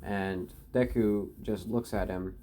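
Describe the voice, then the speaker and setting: Guy making up a fan story on the fly, low mellow voice, lots of likes and restarts. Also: fairly even intonation, slow, slight background noise. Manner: rambling, full of fillers and restarts. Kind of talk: improvised fan story narration.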